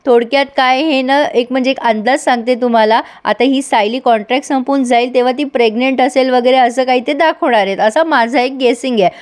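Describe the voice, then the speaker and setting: A woman narrates a serial episode recap in a casual, chatty way. Her voice is high, and she keeps speaking straight to her viewers as she goes. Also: fairly quick, hardly any pauses.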